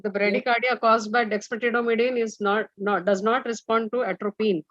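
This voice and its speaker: A woman chairs a formal session in a firm, correcting manner. Her voice is somewhat high, heard close and dry through muffled lo-fi call audio. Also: fairly even intonation, brisk, a bit bright, no room sound.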